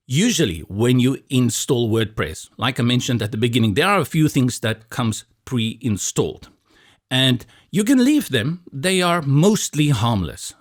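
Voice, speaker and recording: A South African man whose first language is Afrikaans calmly walks through a screen-recorded software tutorial step by step. His medium-pitched voice carries a South African accent, and he slips in a bit of light humor along the way.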